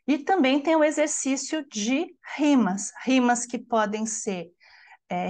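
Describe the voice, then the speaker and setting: A woman with a Brazilian Portuguese accent, leading a study group as teacher, explaining patiently and often checking in with a tag question. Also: a little high. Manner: explanatory, frequent tag "né?", slows to pronounce words syllable by syllable. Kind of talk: online lecture on bilingual education.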